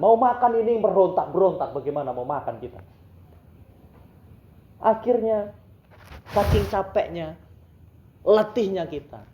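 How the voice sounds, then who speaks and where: A man's voice: on the high side, warm tone, slight background noise. A male pastor telling a story in a conversational sermon and asking his listeners rhetorical questions. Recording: roomy, dull sound.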